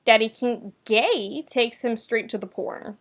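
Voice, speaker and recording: With a fairly high, slightly slow voice, this podfic narrator reads fan fiction from a script. Her audiobook-style delivery is expressive, wry, conversational, and emphatic.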